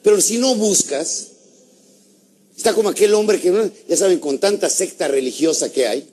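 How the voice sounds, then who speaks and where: A man giving a lively motivational talk, asking his audience questions and acting out little stories. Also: sits high, moderate pace. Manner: animated, asks the audience questions, acts out stories. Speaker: motivational speaker.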